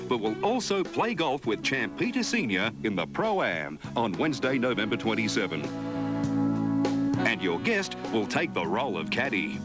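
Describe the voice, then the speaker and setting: Low, animated Australian male prize announcer. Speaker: promotional announcer for a viewer competition. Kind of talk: prize competition voice-over, scripted advertising read. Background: guitar music.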